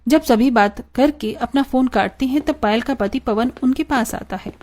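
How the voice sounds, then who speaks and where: A woman narrating an animated story in a plain storytelling tone. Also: high-pitched, moderate pace.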